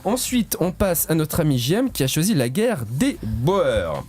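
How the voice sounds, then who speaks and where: A man hosts a radio quiz in the studio, teasing the players and stretching out the big numbers. His voice is a little husky and sits fairly high. It swings up and down a lot. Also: measured pace, slight background noise. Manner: lively, joking, stretches key words. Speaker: quiz host.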